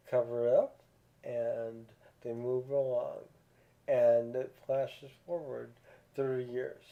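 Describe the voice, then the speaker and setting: A man giving a casual spoken review of a show, slow and halting, filling pauses with ums and restarting words. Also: mid-range voice, gravelly. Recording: tinny phone-like audio.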